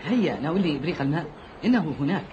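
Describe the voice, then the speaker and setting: A man voicing a fast-talking fatherly sheikh. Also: a little high, muffled recording, lightly acted. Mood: soothing. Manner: warm, preaching, lively delivery. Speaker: boat sailor. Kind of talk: animated film dubbing. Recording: noisy soundtrack background.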